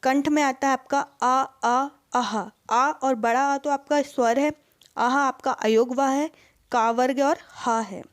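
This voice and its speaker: Here a female instructor with a high-pitched, fairly even delivery moves slowly through exam preparation, answering her own questions. She speaks Hindi laced with English words, and the studio recording is clean with no echo.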